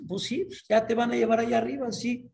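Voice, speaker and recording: A man voicing a calm, patient male angel of death in a told story. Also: extremely high pitch, a little fast, gravelly, crowd noise, pitched above the performer's own voice. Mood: matter-of-fact. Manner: soothing, patient, explaining gently.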